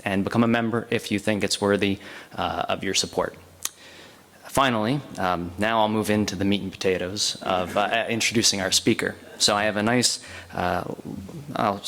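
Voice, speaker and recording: Low-voiced man introducing an event. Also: steady tone, moderate pace, fairly bright tone. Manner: informal, with many fillers. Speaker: historical society host. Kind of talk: event announcements and speaker introduction. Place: event room at a local historical society. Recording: long reverb in a hall.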